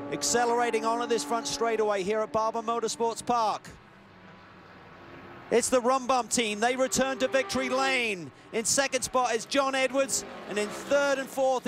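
A man doing excited play-by-play motorsport commentary, calling the action briskly. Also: background noise. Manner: brisk, excited calls that rise in pitch at key moments. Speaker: lead race commentator.

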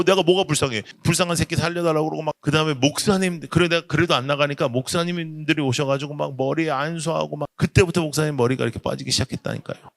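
A middle-aged male pastor preaching at a youth camp, telling a humorous story with lively, acted-out voices. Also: medium pitch, no room sound, clean studio sound. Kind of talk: sermon.

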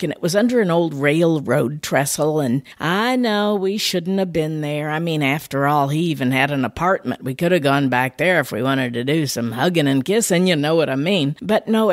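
An older woman hosting a ministry podcast, telling a personal story in an animated, conversational way. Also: low voice, no echo, clean studio sound.

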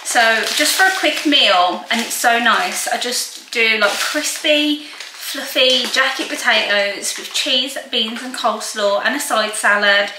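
A woman's voice: fairly high pitch, unhurried, sharp tone. A young woman chatting casually to camera in her home kitchen, showing her groceries one by one. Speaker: lifestyle vlogger. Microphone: camera on a counter in front of her. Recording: echoey kitchen with noise.

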